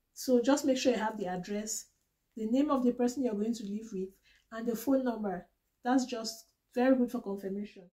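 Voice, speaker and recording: A young Cameroonian woman vlogs casually about her own trip, offering practical advice. Her voice is fairly high and slightly mellow, and she tells her story in a chatty, earnest way with small restarts.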